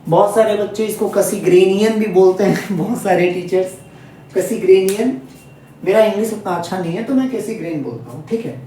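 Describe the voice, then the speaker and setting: A man's voice: sits high, a little fast, few pauses, mellow, heavy reverb, recorded from a distance, slight background noise. A man teaching a physics lesson aimed at exams, who repeats key points and keeps checking in with his students. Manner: repetitive, checks in often with students. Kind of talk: exam-focused classroom lesson.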